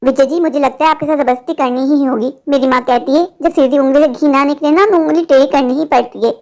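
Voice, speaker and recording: A woman voicing a witch who poses as a stranded young woman, coaxing and insistent, in an animated horror story. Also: high-pitched, fast talker. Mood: menacing. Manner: coaxing and insistent, turns menacing.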